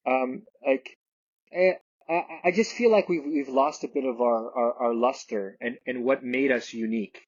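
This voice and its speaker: Here the same Canadian guest, a realtor and investor, is heard in a podcast interview, stalling and beginning sentences over again. His husky mid-range voice moves at a moderate pace. There's no echo, but the high frequencies are cut off.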